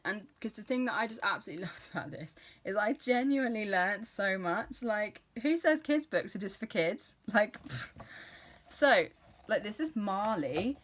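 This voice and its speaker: In a mid-range voice with lively intonation and a fairly bright tone, this thirty-something British woman reviews books she's read at a moderate pace. As a book vlogger she keeps it casual and enthusiastic, wandering a bit and using lots of fillers.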